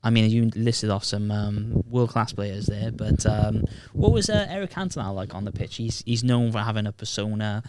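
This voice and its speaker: A man's voice: lowish voice, normal speed, hardly any pauses, very noisy. A man hosting a podcast, asking questions casually with many fillers. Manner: hesitant, filler-heavy questioning. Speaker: podcast host.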